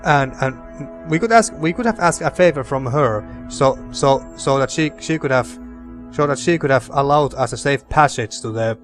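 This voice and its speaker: A man's voice: medium pitch, normal speed, faint music behind. A man hosting a let's play, commenting and reading game text aloud, often repeating and rephrasing himself.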